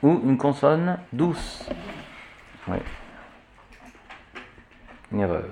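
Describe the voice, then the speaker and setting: A man's voice: medium pitch, sing-song, drawn-out words, vocal fry, mellow, slight background noise. A man teaching church Latin pronunciation to a class, spelling out letters and repeating example words with frequent hesitations. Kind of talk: classroom lesson.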